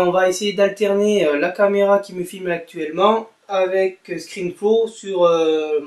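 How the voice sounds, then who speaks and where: A young man giving a casual spoken tech tutorial, chatty, with many fillers and self-corrections. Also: high voice. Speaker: tech video blogger. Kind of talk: casual screen-recorded tutorial.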